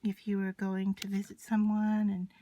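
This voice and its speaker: In a dark, medium-pitched voice that is completely flat, a craft tutorial presenter explains her hands-on project step by step at a moderate pace, speaking casually and unscripted. Clear background noise includes the scratching and clicking of the materials she handles.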